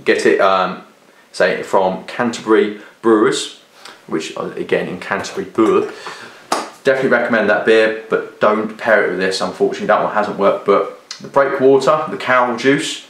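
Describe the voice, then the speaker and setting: A man's voice: fairly low pitch, fairly bright tone. A British man giving a casual, rambling product review to camera, hesitating and often rephrasing as he goes. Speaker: video reviewer. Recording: roomy, echoey sound.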